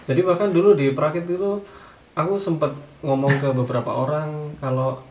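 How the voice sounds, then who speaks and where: A man's voice: fairly high pitch, brisk, darkish tone, recorded from a distance. A man, chatting in an easygoing, hesitant way with fillers. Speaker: comic community member. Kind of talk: casual chat. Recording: echoey room, voice a bit off-mic.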